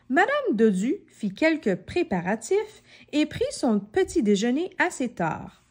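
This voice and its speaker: Lively woman reading a children's story. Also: a little high. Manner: expressive, addresses the child listener directly. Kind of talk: children's story read-aloud.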